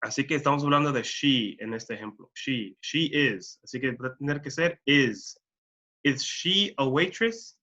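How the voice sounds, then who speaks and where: Male English teacher, bright and tense-edged voice, dull lo-fi sound; slow, careful delivery. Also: medium pitch. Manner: slow, carefully enunciated example sentences. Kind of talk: bilingual English lesson.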